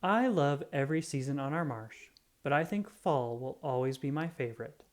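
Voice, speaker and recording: An expressive reading of a children's picture book, delivered in storytelling fashion. The voice falls in the mid range at a moderate pace.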